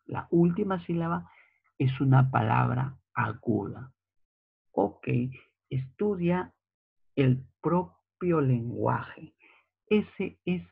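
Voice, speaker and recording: A male teacher giving a slide lecture, slowly repeating key phrases and asking rhetorical checks. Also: mid-range voice, creaky, breathy edge. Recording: tinny phone-like audio.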